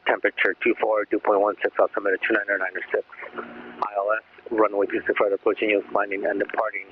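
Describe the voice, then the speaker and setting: Male recorded airport weather broadcast, low and monotone, tinny radio with faint hiss. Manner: flat, monotone readout. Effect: recorded airport weather broadcast over aircraft radio.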